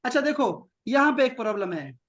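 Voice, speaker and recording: A man from Pakistan teaching Arabic to children in an online lesson, patiently repeating short phrases slowly and praising often. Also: extremely high pitch, big pitch swings, a crowd in the background. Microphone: video call.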